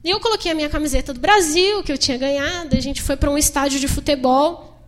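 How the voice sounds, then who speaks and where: A young Brazilian woman telling a lively story in a sermon, acting out dialogue and laughing often. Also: sits high, fast. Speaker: missionary preacher.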